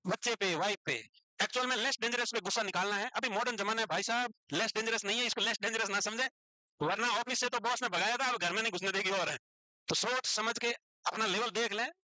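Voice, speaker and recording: A man teaching a class, lively and animated, constantly asking his students rhetorical questions. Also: sits high, dry recording, rough recording. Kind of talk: lecture to students.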